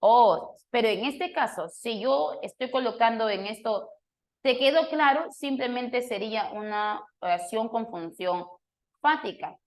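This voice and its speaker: Higher-voiced woman teaching a class. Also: a little slow. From Peru. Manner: explanatory, puts questions to students by name. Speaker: language teacher. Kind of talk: classroom review lesson.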